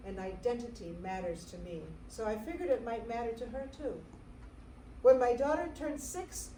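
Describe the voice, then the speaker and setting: An actress in a staged theatre reading playing a devoted American single mother recalling her adopted daughter, in a tender, measured monologue. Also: a little high, warm tone, lightly acted. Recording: roomy stage sound from far off, faint noise.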